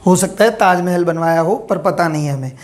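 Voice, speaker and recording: A woman with a fairly low voice teaching a grammar lesson. She dictates example sentences slowly and deliberately. She keeps putting questions to the class and answering them herself. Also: darkish tone.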